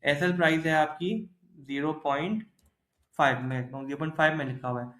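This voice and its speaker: A man walks a beginner through a trading tutorial in a slightly high voice. He explains patiently and keeps checking in with "theek hai". The recording has a roomy echo. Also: steady tone, fast talker, a bit bright. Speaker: crypto trading instructor. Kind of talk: screen-recorded tutorial walkthrough.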